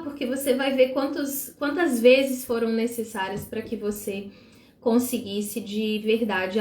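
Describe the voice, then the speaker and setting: Animated woman teaching, roomy echo. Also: mid-range voice. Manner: animated and expressive, acting out examples. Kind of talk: live-streamed devotional teaching.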